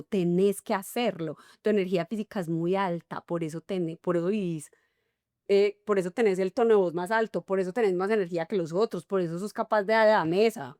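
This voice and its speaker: Animated paisa-accented woman coach. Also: medium pitch, dry recording, studio quality. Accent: Colombian, paisa. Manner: animated, acts out little dialogues. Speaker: guest, enneagram coach. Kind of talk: conversational interview.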